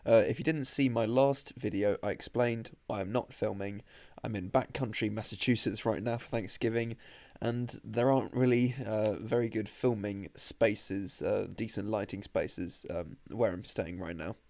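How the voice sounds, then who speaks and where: A man's voice: fairly low pitch, steady tone, moderate pace, vocal fry, no echo. A young man with a slightly nasal voice from allergies, giving a chatty, enthusiastic podcast-style film review into his own microphone, with frequent fillers. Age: young adult. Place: indoors at a holiday stay.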